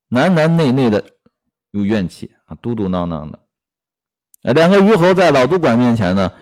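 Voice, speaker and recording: A man's voice: mid-range voice, a little mellow. A man retelling a classic novel episode and commenting on it, with frequent fillers and rhetorical questions. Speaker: storyteller and commentator. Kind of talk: storytelling with workplace commentary.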